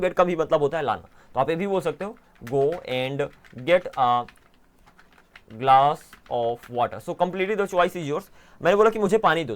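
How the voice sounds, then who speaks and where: A man with an Indian accent teaching English grammar in an online lesson, explaining step by step and slowing down to spell out each example sentence. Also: high voice. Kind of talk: online language lesson, Hindi mixed with English.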